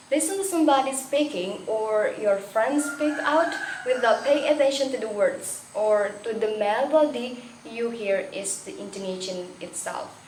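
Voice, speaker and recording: A woman's voice: on the high side, a little mellow. A young woman from Indonesia, reading a class presentation carefully, with hesitant restarts. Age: young adult. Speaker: student presenter. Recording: echoey room, faint background noise.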